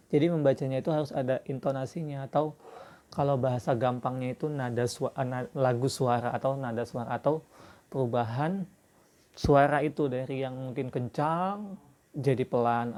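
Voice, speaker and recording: A man's voice: medium pitch, mellow. A man teaching a religious school class to young children, explaining patiently with many fillers and restarts.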